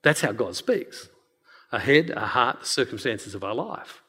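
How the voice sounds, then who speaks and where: A man's voice: medium pitch, a little slow, breathy edge. A man from Western Australia with an Australian accent, telling a story to a live audience and acting out the dialogue. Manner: animated, acts out dialogue with a hushed voice for God. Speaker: speaker. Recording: long hall reverb.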